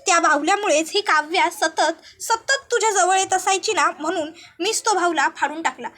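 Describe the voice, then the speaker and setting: A woman's voice: very high-pitched, moderate pace, sharp tone. A woman voicing a jealous, scheming young woman rival, in a defiant, taunting manner.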